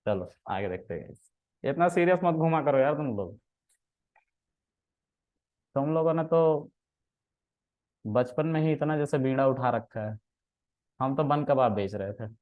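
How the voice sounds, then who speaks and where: A man's voice: medium pitch, phone-quality sound. Teasing Hindi-speaking male trainer. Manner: teasing, playful, mixing in English words. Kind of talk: casual classroom banter.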